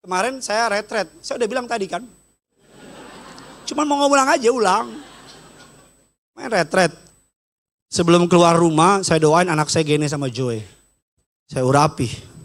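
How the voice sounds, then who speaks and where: A middle-aged man preaches in a lively, high voice. He jokes and teases his listeners, and he acts out the people he quotes with a sudden rise in his voice. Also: a little slow, long pauses. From Batak. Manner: jokey, teasing asides. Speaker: pastor. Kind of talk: sermon. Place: church stage.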